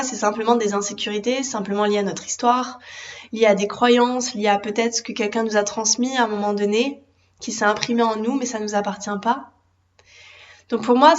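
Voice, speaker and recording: A woman in her thirties with a French accent, a coach for women, speaking gently and reflectively to the camera, with frequent hesitations. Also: fairly high pitch. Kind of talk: personal confiding talk to camera. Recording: slightly dull lo-fi sound.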